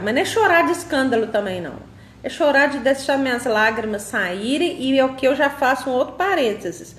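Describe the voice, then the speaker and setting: A woman delivers a motivational self-help talk straight to her viewers. Her voice sits a little high, and she presses her points hard, stretching key phrases out slowly. The room rings with a noticeable echo. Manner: emphatic, tells listeners to take notes. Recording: roomy echo.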